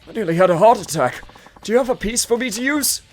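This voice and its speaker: A man's voice: high voice, lively intonation, fast, voice pushed up. A man voicing a stubborn, anxious elderly father in video game dialogue, urgent and pleading. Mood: alarmed. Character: spry, anxious, stubborn old Japanese father. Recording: music behind the voice.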